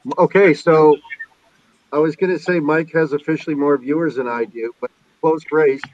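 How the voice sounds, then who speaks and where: A man's voice: on the high side, fairly even intonation, normal speed, no room sound. A man hosting a casual DJ stream chat, joking and rambling. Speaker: host of a DJ stream. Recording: muffled lo-fi mic.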